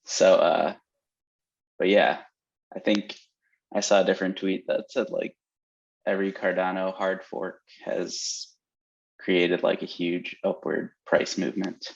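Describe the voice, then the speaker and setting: A man's voice: low-pitched, flat delivery, measured pace, creaky, long pauses, lo-fi sound. A man co-hosting a casual podcast, joking and making fun of himself. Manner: joking, self-deprecating. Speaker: crypto podcast co-host. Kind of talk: casual chat.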